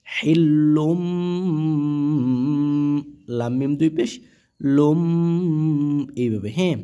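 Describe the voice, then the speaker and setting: A man teaching Quran reading in a slow, patient lesson, spelling each word letter by letter and repeating it. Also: a little high, dark tone. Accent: Bangladeshi Bengali.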